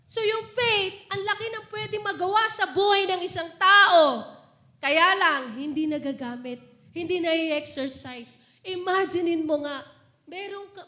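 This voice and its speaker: Female preacher, high voice, sermon with homey anecdotes, reverberant church room. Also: pushed and bright. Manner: Taglish preaching with personal anecdotes, laughing. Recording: echoey church hall.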